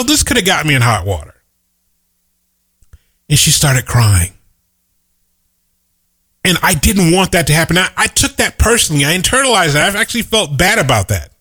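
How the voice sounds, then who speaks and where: A middle-aged man delivers a motivational monologue with emphatic repetition. His pitch sits a touch high for a man and moves in wide, lively swings. He drops into quick story asides between his numbered points. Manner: emphatic, repeats key lines for effect. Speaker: motivational speaker.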